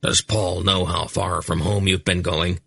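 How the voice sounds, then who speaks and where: A man's voice: low-pitched, level tone, unhurried, creaky, bright, forceful tone, breathy edge, no echo, exaggerated voice. A man voicing a grumpy hunchbacked old male sorcerer in an audiobook, growling and blunt. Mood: gruff. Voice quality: growling, irascible.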